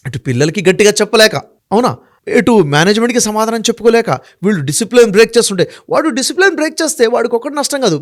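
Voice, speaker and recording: A man speaking as an interview guest, making emphatic points one by one and putting rhetorical questions to the host. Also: very high-pitched. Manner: emphatic, works through numbered points. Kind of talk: explaining in a sit-down interview.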